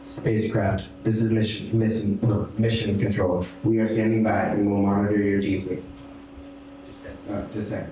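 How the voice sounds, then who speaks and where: A man's voice: fairly low pitch, little pitch movement, normal speed, mellow. A man acting as mission control comm officer, heard over an intercom in a space-mission role-play and speaking in formal radio protocol. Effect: heard over an intercom speaker in a sci-fi mission role-play. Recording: roomy intercom sound from far off with background noise.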